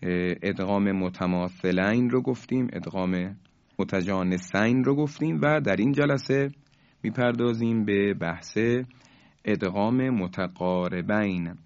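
A man giving a calm radio lesson on recitation rules, stretching the example words out slowly. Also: on the low side, no room sound, dull audio. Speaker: Quran recitation teacher on radio.

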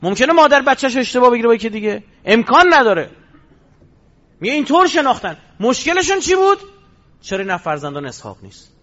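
Male preacher, high voice, storytelling sermon, rhetorical questions, muffled lo-fi audio. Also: big pitch swings, fairly bright tone. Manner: asks rhetorical questions and answers them. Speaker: religious lecturer. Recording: dull lo-fi recording.

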